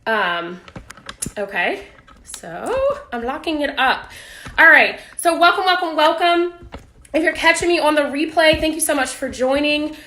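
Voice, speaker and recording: A woman's voice: sits high, expressive, unhurried, bright, forceful tone, reverberant. A woman physician chatting casually to viewers on a livestream from her home office, upbeat and a little out of breath. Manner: chatty, upbeat, greets viewers, laughs often. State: warm and a bit out of breath. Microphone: phone or webcam livestream.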